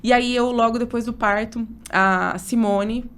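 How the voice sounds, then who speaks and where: Emotional high-voiced woman telling a story. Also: unhurried, clean tone. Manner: emotional, animated retelling with many fillers. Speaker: obstetrician guest. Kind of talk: casual interview storytelling.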